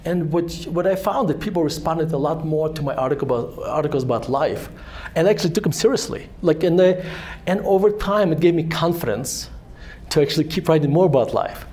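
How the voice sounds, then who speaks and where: This brisk, expressive speaker has a high-leaning, slightly mellow voice and a Russian accent. He is a man in his forties, an author there as the guest of a fireside chat in a synagogue hall, and through a handheld mic he rambles through stories at his own expense, frequently starting them over.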